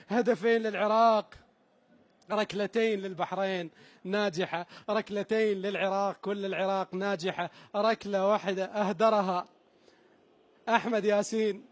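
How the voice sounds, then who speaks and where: Man, football commentator, very high voice, dry booth sound, tearful, pleading, repeats names. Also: no room sound. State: overwrought and tearful. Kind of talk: emotional live match commentary.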